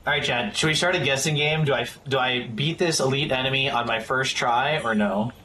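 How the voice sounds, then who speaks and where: A man's voice: mid-range voice, brisk, bright, forceful tone, echoey room, slight background noise. A man in his thirties giving casual live gameplay commentary, chatty and rambling as he talks to his chat. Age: 30s. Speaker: streamer.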